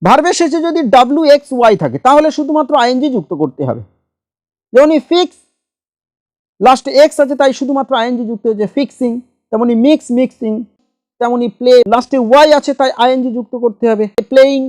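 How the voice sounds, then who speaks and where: A woman with a high voice walks through grammar rules one step at a time, spelling each example word letter by letter. She is recorded close to the mic in a dry room with no echo. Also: lively intonation, darkish tone. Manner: slow, methodical, spells words letter by letter. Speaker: English grammar teacher. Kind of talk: grammar lesson.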